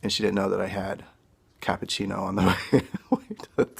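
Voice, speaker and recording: A young man telling his own story as an earnest, halting and emotional personal testimony, recorded on a phone camera. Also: low-pitched, completely flat delivery, gravelly, slightly rough.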